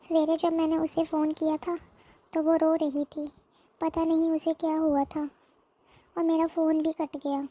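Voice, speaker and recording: Anxious older mother-in-law, voiced by a woman, fretful and rambling; high and mellow. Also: little pitch movement, measured pace, no echo. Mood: fretting. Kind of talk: cartoon voice acting.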